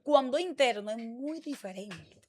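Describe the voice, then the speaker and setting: A Dominican woman pastor tells her story in an interview, her voice sitting a little high. She talks with animation and plays out the voices of the people in her story. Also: moderate pace. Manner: animated storytelling, acts out quoted dialogue. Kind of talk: testimony interview.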